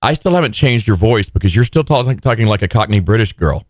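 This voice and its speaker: A man's voice: lowish voice, expressive, fast talker, a little mellow, dry recording. A man hosting live radio with casual, teasing, joking banter in a studio. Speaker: radio host.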